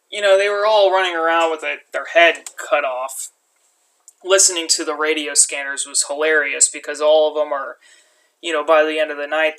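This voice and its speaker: Profane, bright-voiced man venting. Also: a little high, poor audio. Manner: angry, profane and blunt. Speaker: activist commentator. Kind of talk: profane unscripted political commentary.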